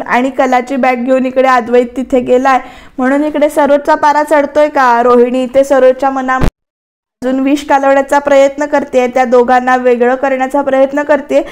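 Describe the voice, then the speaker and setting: High-voiced woman retelling a TV episode. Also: a little mellow, smooth. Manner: chatty, addresses viewers directly. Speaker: serial reviewer.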